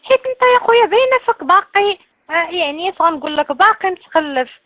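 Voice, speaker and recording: Moroccan woman heard through a landline phone, high quick voice, tinny dry line, scolds the caller. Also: lively intonation, dry recording. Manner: brisk, scolding, quick to lose patience. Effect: heard over a landline phone. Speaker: phone call recipient. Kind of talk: casual phone call.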